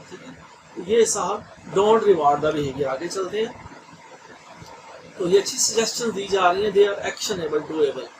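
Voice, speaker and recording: High-voiced man lecturing, distant and noisy. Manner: chatty, mixes English phrases, frequent "theek hai ji" checks. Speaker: trainer. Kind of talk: online training lecture. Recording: distant mic with noisy room ambience.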